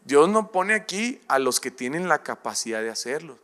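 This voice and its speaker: A man with a Mexican Spanish accent delivers a sermon as a pastor. His voice sits fairly high for a man. He acts out quick dialogues in shifting voices and jokes with the congregation. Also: very animated, bright, forceful tone.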